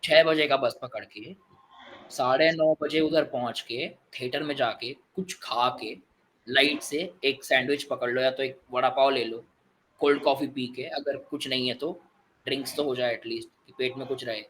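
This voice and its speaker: A young man telling movie stories in an animated, excitable way in casual chat, mixing in English phrases. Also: medium pitch, moderate pace, a little hiss or hum. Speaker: guest.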